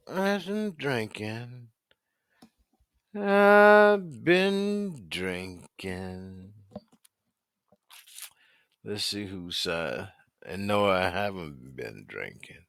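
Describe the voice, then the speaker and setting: A man in his fifties chats casually with strangers he meets online. His drawl is unhurried and he often says the same thing twice. His voice is at a middle pitch and sounds dry and close to the mic. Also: a bit bright, no room sound. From United States. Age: 50s. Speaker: host of a live video chat. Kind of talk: casual chat.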